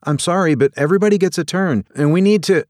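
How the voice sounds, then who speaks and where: A man voicing a pert young female museum docent who talks high, breathless and urgent. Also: fast, a little mellow, no room sound, clean studio sound, close to an everyday voice. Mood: polite firm.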